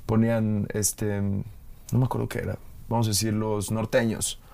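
A young man from Yucatán with a Yucatecan Spanish accent, talking casually as a podcast guest and telling stories with quick restarts. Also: on the low side, gravelly. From Yucatán, Mexico. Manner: relaxed, storytelling with quick restarts. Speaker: guest, video creator. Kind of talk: casual conversation.

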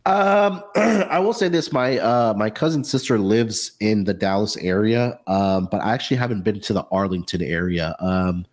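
A man's voice: fairly low pitch, normal speed, hardly any pauses. A man hosting a casual sports betting talk, sounding under the weather with a froggy, congested voice. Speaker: sports betting show host.

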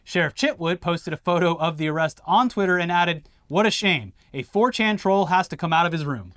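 A man's voice: high voice, lively intonation, brisk, a bit bright, no room sound, clean studio sound. Wry male co-host from Florida. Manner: explanatory, reading quotes with wry asides. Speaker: co-host of a news commentary show. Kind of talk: casual news commentary chat.

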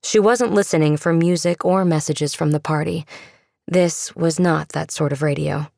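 Woman audiobook narrator, lowish voice with fry, dramatic story reading, super dry recording. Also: fairly even intonation, moderate pace, a little mellow, no echo. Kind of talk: scripted dramatic fiction narration.

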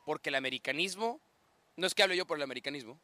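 A man's voice: a little high, expressive, very fast, sharp tone. A man hosting a sports talk show, teasing his co-hosts in a playful way. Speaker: show host.

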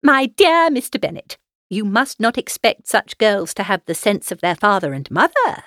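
A woman voicing a fussy, excitable middle-aged mother, gushing and insistent, in a dramatised reading of a classic novel. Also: medium pitch, normal speed, dry recording, studio quality. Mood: indignant, coaxing. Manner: exclaiming, insistent, fretful.

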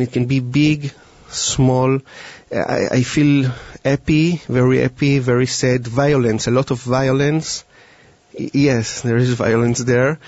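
With a medium, somewhat dark voice, the Israeli-accented performer addresses a volunteer during a mind-reading demonstration, his English phrasing halting and non-native. No room sound comes through; the recording is dull and dry.

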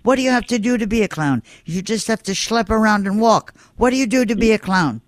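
A woman's voice: medium pitch, lively intonation, fairly quick, no echo, clean studio sound. A woman hosting a casual radio interview, firing short, blunt, direct questions at her guests. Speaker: radio show host, interviewer.

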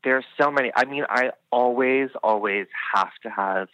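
A man's voice: medium pitch, moderate pace, sharp tone, clear, resonant tone, no room sound, muffled recording. A man who works as a hairstylist, chatting enthusiastically as a podcast guest, full of "I mean" and "you know". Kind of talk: casual podcast interview chat.

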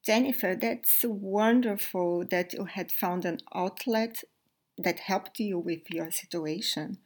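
A woman hosting a podcast interview, asking friendly, encouraging questions. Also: fairly low pitch. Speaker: podcast host.

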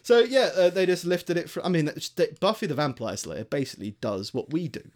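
Animated southern English man bantering casually. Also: on the high side, a little fast. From Greater London, England. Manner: rambling, jokey, swears casually. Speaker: podcast co-host.

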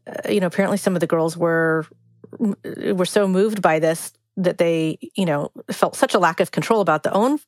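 A woman's voice: fairly low pitch, a little mellow, dry recording. A woman giving conversational interview answers as a reporter.

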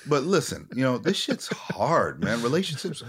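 A man's voice: mid-range voice, very animated, moderate pace, breathy edge. A man in his late forties, an actor talking candidly and reflectively in a conversation, often restarting his sentences. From Minneapolis area. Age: 40s. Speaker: actor, guest.

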